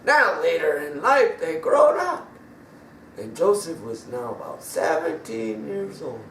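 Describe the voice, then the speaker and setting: A man's voice: a little high, a little slow, vocal fry, a little hiss or hum. A man telling a children's bible story in a casual, emphatic way, recorded from a distance in an echoey room. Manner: animated, emphatic, casual grammar.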